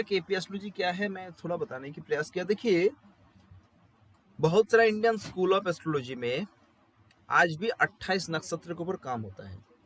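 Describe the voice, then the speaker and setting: A man with a voice on the high side teaches an astrology class, heard over poor audio with slight background noise. Speaking Hindi with a Bengali accent, he blends in English phrases and explains using rhetorical questions and familiar examples.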